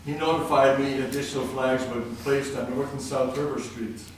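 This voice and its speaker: An older man speaks at a council podium, earnest and patriotic, slipping in a joke now and then. His voice sits at an ordinary middle pitch. It is caught from some distance in a very echoey chamber. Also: little pitch movement, moderate pace. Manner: earnest, patriotic, tells jokes. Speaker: public commenter at city council. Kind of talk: public comment speech. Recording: very echoey room, distant mic, faint noise.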